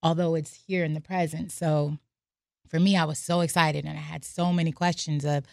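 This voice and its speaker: A woman's voice: low voice, little pitch movement, normal speed, creaky, darkish tone, no echo, clean studio sound. An American woman on a podcast, telling reflective personal stories and reading aloud from her journal. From United States. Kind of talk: casual podcast discussion.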